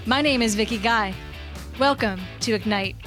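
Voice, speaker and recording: A woman host opening a podcast with a steady, inspirational scripted welcome. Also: fairly high pitch, normal speed. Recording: music bed under the voice.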